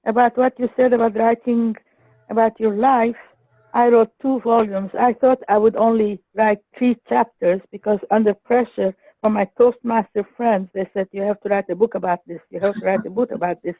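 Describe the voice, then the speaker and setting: Calling a talk show, an older woman from Egypt recounts her own story in a fairly high, steady voice at a moderate pace. She restarts often, sounding earnest and unsure. Her phone line is tinny and dry, with no room sound.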